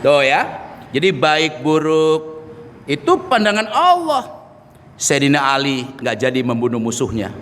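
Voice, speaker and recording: A man preaching a lively mosque lecture, acting out dialogue in shifting voices and joking with the audience. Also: a little high, measured pace. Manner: animated storyteller, acts out dialogue in shifting voices; jokes and laughs with the audience. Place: mosque hall. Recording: reverberant mosque hall, faint noise.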